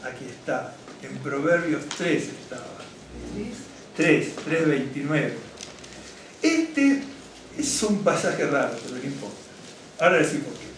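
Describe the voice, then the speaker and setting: Echoey rabbi preaching in a synagogue hall. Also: male voice, a little high, measured pace, noisy background. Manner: lively, digressive, asks "¿no es cierto?" often; addresses congregation directly, gets excited. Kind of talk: conversational sermon teaching. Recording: very echoey hall, mic at a distance, faint ambience.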